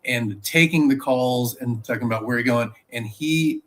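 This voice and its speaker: A man's voice: mid-range voice, normal speed, fairly bright tone. A man co-hosting a podcast, explaining a topic in a laid-back way with many fillers. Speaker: podcast co-host. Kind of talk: casual chat.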